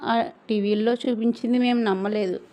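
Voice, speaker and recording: A woman reading a story aloud, voicing a middle-aged mother gently consoling her daughter. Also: fairly high pitch, fairly even intonation, a little fast, a little hiss or hum, close to an everyday voice.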